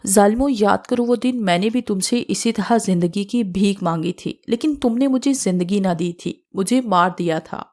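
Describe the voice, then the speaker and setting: A woman's voice: mid-range voice, few pauses, darkish tone, lightly acted. A woman voicing the vengeful ghost of a young woman in an audiobook horror story, read dramatically.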